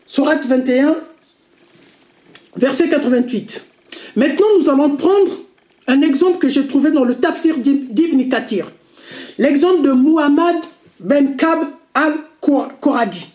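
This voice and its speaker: Brief: woman, Arabic accent, unhurried teaching voice, echoey room. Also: high voice, dark tone. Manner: deliberate, checks in with listeners, repeats key points. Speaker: religious video commentator. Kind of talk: slow explanatory religious lesson.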